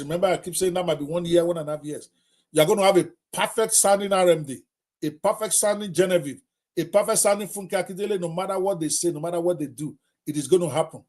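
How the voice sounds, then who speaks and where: Hosting a live talk, a middle-aged Nigerian man talks with emphasis straight to his viewers, frequently saying things more than once. His voice sits high and is a little mellow.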